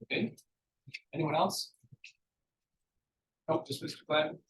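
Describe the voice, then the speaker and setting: A meeting chair calling a town board meeting to order and asking for public comments, speaking informally and haltingly. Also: mid-range voice, fairly even intonation, echoey room, low-quality recording. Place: meeting room.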